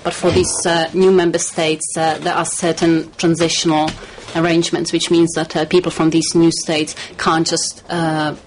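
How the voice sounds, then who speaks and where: A woman from the Czech Republic, a studio guest in a radio interview, talking in a measured, hesitant way with many fillers. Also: sits low, flat delivery, slight background noise, poor audio.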